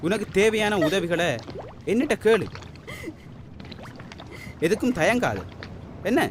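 A man's voice: sits high, animated, takes it slowly, background noise. A man acting an authoritative, reassuring employer in an old-fashioned radio drama, earnest and declamatory. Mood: consoling, firm. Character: authoritative, reassuring boss, benefactor of workers' families.

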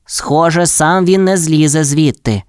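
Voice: mid-range voice, measured pace, a little mellow, clean tone, dry recording, studio quality, voice pushed up, close to an everyday voice. A reader doing an earnest dinosaur-loving boy. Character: friendly boy who speaks to dinosaurs.

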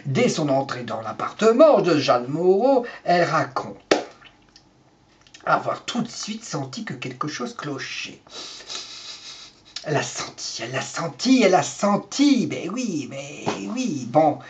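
A man's voice: a little high, big pitch swings, unhurried, slight background noise. A man rambling through a gossip monologue as a vlogger, repetitive and chuckling. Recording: dull lo-fi recording.

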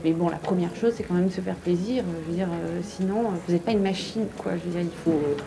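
A woman's voice: lowish voice, fast, vocal fry. A woman in her thirties, an artist, answering an interview in a hesitant, casual way with many restarts. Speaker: exhibiting artist. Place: vaulted brick gallery cellar, indoors. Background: crowd chatter.

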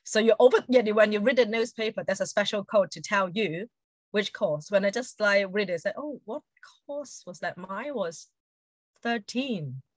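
She's a Montessori educator in her forties with a Hong Kong accent, chatting easily as an interview guest and often saying "you know." Her mid-range voice is expressive and moderately paced, recorded dry over a video call from a room in her home.

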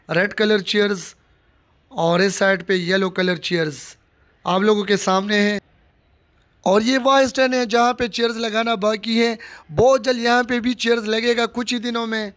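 A man with a high, slightly bright voice gives viewers a casual walking tour of a stadium under construction, filming outdoors on a handheld phone he holds himself. As a vlogger sharing construction updates, he talks directly to the audience and keeps repeating phrases as he shows things, with faint outdoor noise in the background.

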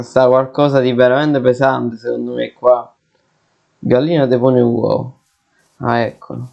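A young man with a medium-pitched, somewhat dark voice and noticeable vocal fry provides let's play commentary as a gaming video creator. Jittery, he often cries out and swears in fright. The sound quality is dull and lo-fi.

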